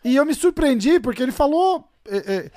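A Brazilian man hosts a loose podcast chat, reacting with slang and laughter. His voice sits fairly high. The sound is dry and close. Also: lively intonation, brisk, warm tone, no echo. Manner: laughs often, slangy backchannel, enthusiastic. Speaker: podcast host. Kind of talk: casual podcast interview.

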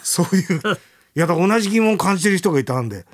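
A man's voice: high-pitched, sing-song, rapid-fire. A male radio host chatting casually and reading listener mail, telling stories animatedly and chuckling often.

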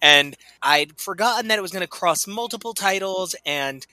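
A man's voice: high-pitched, expressive, moderate pace, pushed and bright, no room sound. A man co-hosting a podcast in casual, chatty style. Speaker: podcast co-host.

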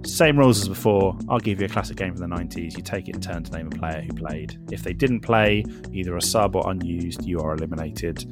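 A man hosting a football quiz, reading clues in a measured, even way. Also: deep voice, over music. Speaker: quiz host.

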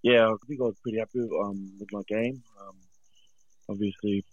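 An Australian man answering questions as a player in a casual phone interview, halting and modest in the way he talks. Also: lowish voice, steady tone, no room sound. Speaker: rugby league player. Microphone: phone call. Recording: muffled phone line.

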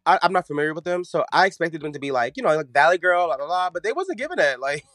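A man's voice: fairly high pitch, big pitch swings, fast talker, a bit bright, dry recording, studio quality, soft background music. A man hosting a casual podcast, bantering in a sassy, campy, teasing way with drag slang. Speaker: podcast host. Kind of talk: casual reality-show banter.

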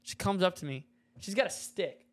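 A man's voice: sits high, moderate pace. A young man co-hosting a podcast, telling a story in a casual chat and acting out the other people's lines. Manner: animated storyteller, acts out voices and shouts in quotes. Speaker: podcast co-host.

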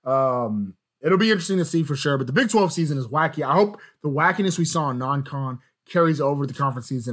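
A man co-hosting a casual sports podcast, animated and laughing often, with frequent "um"s. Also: medium pitch. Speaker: podcast co-host.

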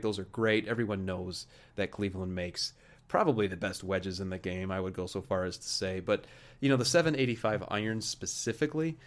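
This lowish-voiced podcast host is a thirtysomething man from the U.S. Midwest, talking golf in an office huddle room. His style is chatty, full of fillers and restarts, as he runs a casual interview and reads sponsor spots.

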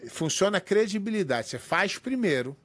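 A man's voice: high voice, very animated, fairly quick, fairly bright tone, slight background noise. A man with a Brazilian accent co-hosting a podcast, chatting informally in short, interjected phrases. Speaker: podcast co-host. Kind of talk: casual chat.

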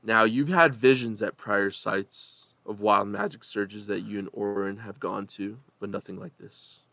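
A man narrating a tabletop role-playing game as game master, telling the scene dramatically with pauses between phrases. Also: fairly low pitch, fairly even intonation, gravelly, sharp tone, dry recording.

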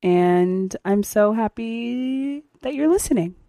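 A young woman co-hosting a casual chat show, chatty and quick to laugh. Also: fairly high pitch, animated, warm tone, no room sound, studio quality. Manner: chatty, laughs easily, jokes along. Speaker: podcast co-host.

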